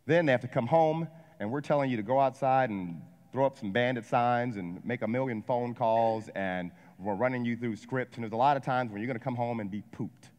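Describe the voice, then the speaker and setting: An energetic wealth advisor and coach in his forties, from Ohio, USA, gives a motivational seminar talk in a large hall, joking and asking the live audience questions. His voice is mid-range, and the recording carries a long hall reverb.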